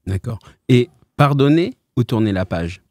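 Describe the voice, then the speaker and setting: A man's voice: medium pitch, lively intonation, normal speed, warm tone, dry recording. A man interviewing a guest casually on a podcast, putting short questions.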